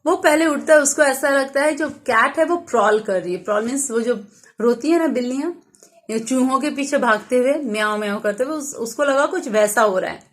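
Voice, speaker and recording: A young woman teacher retelling and explaining a story for a class, mixing in English lines and pausing to gloss words. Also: high-pitched.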